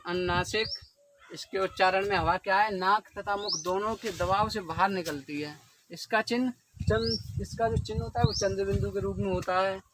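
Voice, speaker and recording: A man's voice: high voice, a bit bright, a little hiss or hum. A man teaching an exam-prep lesson, explaining step by step and often putting questions to the viewers.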